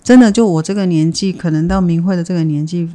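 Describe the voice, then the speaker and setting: An adult reflects on parenting in an interview. The voice is mellow and sits in the middle of the range, and the thoughts come out carefully, often restarted mid-phrase. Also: mid-range voice, fast. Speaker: community childcare organizer.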